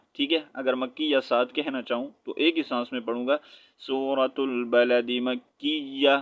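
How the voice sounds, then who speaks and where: A man teaching Quran recitation letter by letter. He patiently checks in with his listeners and chants the verses slowly. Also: fairly high pitch, dry recording, muffled recording. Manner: patient, checks in with "okay?" after each point; slow drawn-out chanting of verses. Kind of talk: spelled-out recitation lesson.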